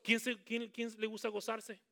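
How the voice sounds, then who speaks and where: A man preaches with animated energy, getting his listeners to repeat key words after him. His voice sits a little high for a man, and he mixes in playful asides to the congregation. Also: moderate pace, creaky. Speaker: pastor. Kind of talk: sermon.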